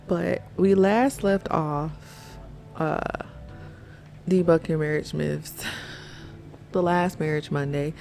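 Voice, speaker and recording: Woman podcast host, gravelly fry, unhurried, earnest, slightly out of breath. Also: sits low, fairly even intonation, a little mellow. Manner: earnest, laughs often. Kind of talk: casual faith-based chat.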